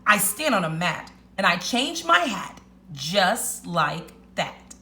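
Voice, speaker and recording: A woman voicing a clever, excitable little male rat in a storybook read-aloud, with an emphatic, chanting, exclamatory delivery. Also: on the low side, slow, exaggerated voice. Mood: chanting, proud.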